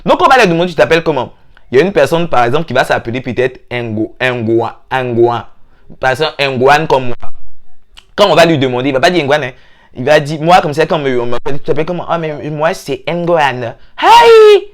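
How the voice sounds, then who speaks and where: A young man with an Ivorian French accent tells a comic story as a vlogger, mimicking people with sudden high-pitched exclamations. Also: expressive, brisk. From Ivory Coast. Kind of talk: comedic storytelling monologue.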